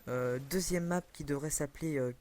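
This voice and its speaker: A man's voice: fairly high pitch, normal speed, a little mellow. A young man commenting casually on a video game over a headset, rambling with many fillers and self-corrections. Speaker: gaming commentator.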